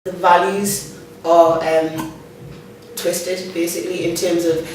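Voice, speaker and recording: Woman youth worker, reflective and hesitant, lowish voice, very echoey room with a distant mic. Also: little pitch movement, slow pace, music in the background. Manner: reflective, thoughtful, with frequent ums. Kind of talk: documentary interview. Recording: very echoey room, far mic, noisy background.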